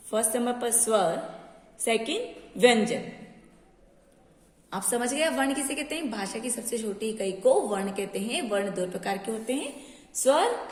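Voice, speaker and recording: A woman's voice: fairly high pitch, darkish tone. Teacher woman drilling letters, echoey room. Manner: repeats each definition slowly, drills letters one by one; mixes English words into Hindi. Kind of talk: recorded online grammar lesson. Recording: echoey room with long reverb.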